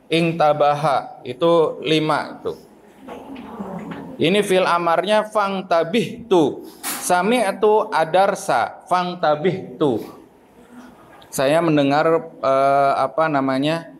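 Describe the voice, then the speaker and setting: Slow, deliberate male grammar teacher. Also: fairly high pitch, slight background noise, poor audio. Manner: slow and deliberate, explains with questions to the class. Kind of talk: classroom lesson.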